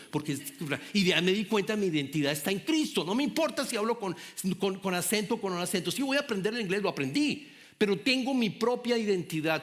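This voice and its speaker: A middle-aged man preaching a sermon with passion, repeating and restarting words. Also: fairly high pitch. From Latin America. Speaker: pastor.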